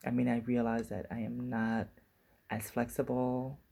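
A woman in her forties talks through a casual solo podcast, thinking aloud and circling back on her points. Her voice is dark and husky with a gravelly edge, and she takes her time. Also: rumbling low, flat delivery, a little slow. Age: 40s. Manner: musing, circling back and restarting thoughts. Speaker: podcast host.

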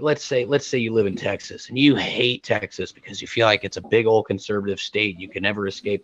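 A man's voice: on the low side, a bit bright, dry recording. Guy ranting hard on a podcast, repeats himself, muffled dry mic. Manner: heated, ranting, repeats words for emphasis. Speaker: podcast co-host. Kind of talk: heated opinion talk.

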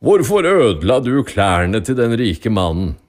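A man voicing a stern male judge in a storybook radio play, asking loud, demanding questions. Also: on the low side, big pitch swings.

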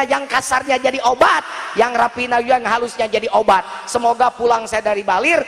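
High gravelly preacher, booming hall. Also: male voice. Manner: shouting, animated and joking. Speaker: Islamic preacher. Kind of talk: sermon. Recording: long hall reverb.

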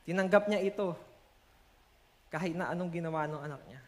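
A man with a Filipino accent preaching a sermon to a congregation, slowing down to stress verses and switching between Tagalog and English. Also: high voice.

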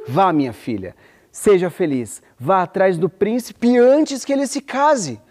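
A woman voicing a gentle old sea king who comforts his daughter in a soothing tone. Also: medium pitch, lively intonation, measured pace, soft background music. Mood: comforting. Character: tender old sea king, a caring father.

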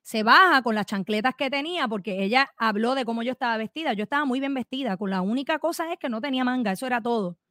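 A middle-aged woman with a Puerto Rican accent delivers a fiery opinion monologue. She speaks emphatically and combatively, turning directly to her listeners. Her voice sits fairly high and sounds close and dry. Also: expressive, quick pace, few pauses, pushed and bright, no echo. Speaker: political commentator and elected delegate.

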